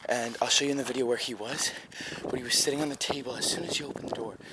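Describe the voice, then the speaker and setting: Breathless young male vlogger, urgent and sweary, camera mic with steady outdoor noise behind. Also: medium pitch, very fast. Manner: hushed and urgent, swearing often. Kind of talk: breathless vlog narration.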